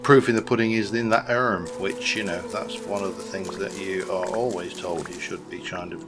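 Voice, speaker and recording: A gaming YouTuber from South Yorkshire, England, with a light accent rambles through casual game commentary, self-deprecating and full of fillers and restarts. His voice is low and steady at a normal speed, recorded over gameplay with background music, and the audio is very noisy.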